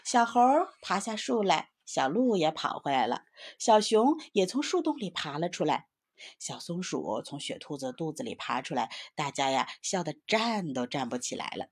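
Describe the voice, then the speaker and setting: A woman tells a children's bedtime story with a gentle, expressive manner, her voice rising and falling in wide swings. Her tone has a soft, breathy huskiness. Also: deep voice, moderate pace.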